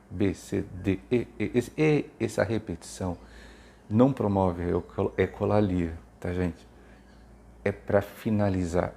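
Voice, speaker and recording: Deep gravelly Brazilian man teaching. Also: mellow. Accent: Brazilian Portuguese. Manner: explanatory, repeats letters aloud with emphasis. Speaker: educator giving literacy tips to parents. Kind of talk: informal teaching talk.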